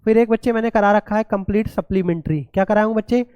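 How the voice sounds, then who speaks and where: A man's voice: sits high, fairly even intonation, fast, a little mellow, smooth, dry recording. A male teacher giving an exam-prep grammar lesson, often calling his students "children" and spelling words letter by letter.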